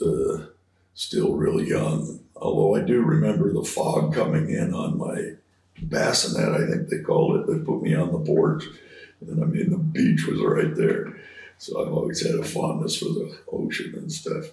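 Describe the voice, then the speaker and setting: An older American man from California reminisces casually as an interview guest, in a halting, rambling way. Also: sits low, sing-song, gravelly, a little mellow. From California Bay Area, USA. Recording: roomy, distant computer-speaker pickup.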